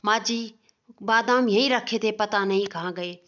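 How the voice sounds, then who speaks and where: A woman voicing a gentle, kind young daughter-in-law in a storybook family tale, soft and forgiving. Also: medium pitch, measured pace, natural voice. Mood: tearful. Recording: dull lo-fi recording.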